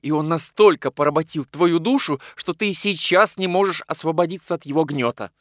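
Figure: a desperate, hot-tempered young man as a male reader voices him. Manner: loud, pleading, high-pitched. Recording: dry, close. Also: fairly quick, no echo, natural voice. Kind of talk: audiobook character reading.

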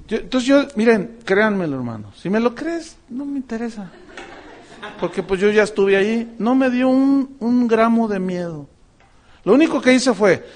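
Man, middle-aged pastor, high voice, animated storytelling sermon with humor.

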